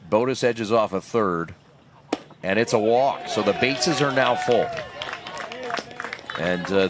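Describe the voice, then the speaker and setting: A man doing live baseball play-by-play outdoors at the field, in an informal, conversational manner with loose asides. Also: on the low side. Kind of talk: live sports commentary.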